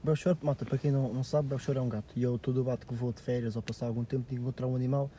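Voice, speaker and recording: A man's voice: medium pitch, fairly even intonation, rapid-fire, dark tone, a little hiss or hum. A man with a European Portuguese accent hosting a podcast, talking in playful, bossy, teasing banter with friends. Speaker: podcast host. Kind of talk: casual banter.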